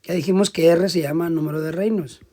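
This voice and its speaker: A male teacher lectures in a voice that sits a little high. He works through each step and keeps turning to the class with short questions. His volume swings from loud emphasis to quiet asides. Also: fairly even intonation, a little fast. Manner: explains step by step, checks in with frequent questions to the class.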